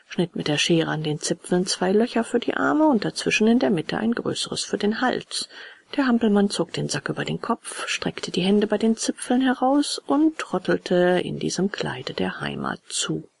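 A woman narrates a children's storybook in an expressive, partly whispered reading. Her voice is gravelly and husky with a lively melody, and the recording is close and dry. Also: medium pitch, normal speed, no echo. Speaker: reader.

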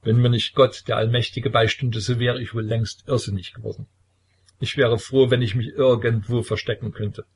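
A man's voice: mid-range voice, level tone, moderate pace, breathy edge. Man reading an anguished young tsarevich. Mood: despairing. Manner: mournful, sighing lament.

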